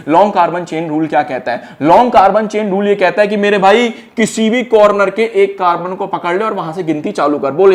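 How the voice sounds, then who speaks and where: A young man teaching a class-ten chemistry lesson, teasing and quizzing the student like an older brother. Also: high voice. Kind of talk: lively board-exam chemistry lesson.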